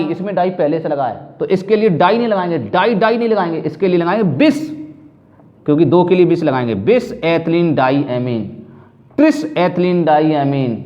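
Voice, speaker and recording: A male chemistry teacher giving a classroom-style lecture, repeating points and asking and answering his own questions. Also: a little high. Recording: dull lo-fi sound.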